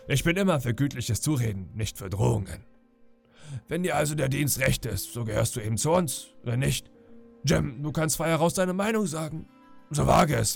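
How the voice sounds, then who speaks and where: A man reading an audiobook, voicing a sly, smooth-talking old pirate captain who coaxes with false friendliness. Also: mid-range voice. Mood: coaxing. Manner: wheedling, falsely friendly with sudden threats.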